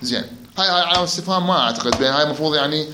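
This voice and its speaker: A man's voice: fairly high pitch, racing, background noise. A man teaching grammar, quizzing his students and repeating their answers. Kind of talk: classroom lecture. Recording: echoey room.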